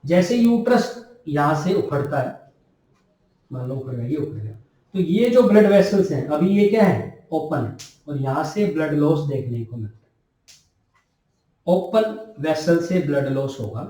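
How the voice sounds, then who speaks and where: Teaching nursing students in a classroom lecture, a tutor speaks at a measured pace in a mellow, expressive voice that is slightly high. He repeats key terms and answers questions he poses himself, recorded in an echoey room with a distant mic.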